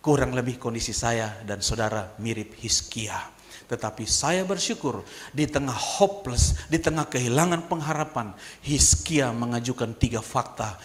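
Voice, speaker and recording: A male pastor preaching a sermon, swinging from hushed whispers to shouted peaks and calling out questions for the congregation to answer. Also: medium pitch, normal speed. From Kupang, eastern Indonesia.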